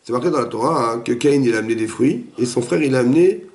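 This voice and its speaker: A man, a rabbi, giving a lively interactive Torah class, quizzing his students and acting out the dialogue. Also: medium pitch, quick pace. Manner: animated, questions the students, acts out dialogue. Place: echoey room with students. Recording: roomy echoey room recording.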